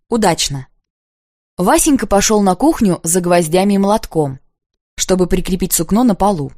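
A woman reads a first-person novel aloud with lively expression. Her voice sits at a middle pitch, and the recording is close and dry, with no room echo. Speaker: audiobook narrator.

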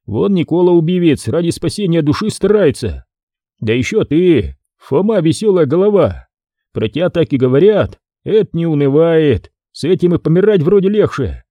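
A man's voice: a little high, sing-song, normal speed, mellow, no echo, pitched above the performer's own voice. A male narrator voicing a timid, pious peasant man who pleads in folksy speech. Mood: coaxing.

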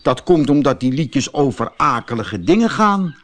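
A man voicing a kind, friendly male snail with a shell, gentle and reassuring. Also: medium pitch, very animated, moderate pace, pitched above the performer's own voice, lightly acted.

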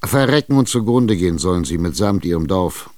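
A man's voice: on the low side, sing-song, a little slow, a little mellow, dry recording, studio quality, pitched above the performer's own voice. A man playing a pushy, exasperated schemer. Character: impatient, scheming middle-aged male buyer. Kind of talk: radio drama reading.

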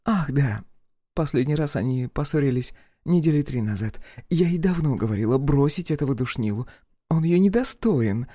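A man's voice: mid-range voice, animated, moderate pace, mellow, dry recording, clean studio sound, natural voice. A man voicing a gossipy, scornful young woman friend in an audiobook, talking in a catty, chatty, dramatic way.

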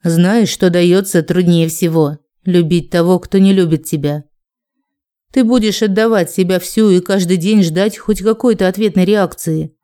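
A woman voicing a cold, proud male dragon in an audiobook, speaking slowly and with contempt. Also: high-pitched, warm tone, clean tone, natural voice. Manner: slow, contemptuous, menacing.

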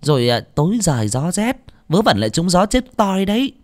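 A man's voice: high voice, big pitch swings, moderate pace, darkish tone, pitched above the performer's own voice. A man voicing a scornful, cruel middle-aged daughter-in-law in an audiobook story, mocking and dismissive.

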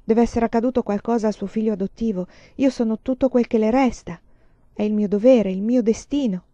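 A woman reading the part of a young Chinese widow who speaks quietly, calm and resigned. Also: a little high, brisk, no echo, muffled recording, natural voice. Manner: quiet, subdued and composed.

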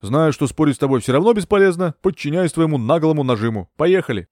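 A male narrator voicing a calm, confident police officer who speaks with dry mockery. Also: on the high side, quick pace, dry recording, lightly acted. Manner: calm, dryly mocking.

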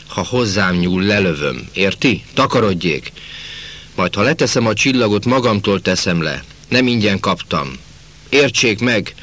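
Man reading a young officer, defiant and threatening, low tense voice. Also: expressive. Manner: threatening, shouting. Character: wounded young male officer, cornered, defiant, furious.

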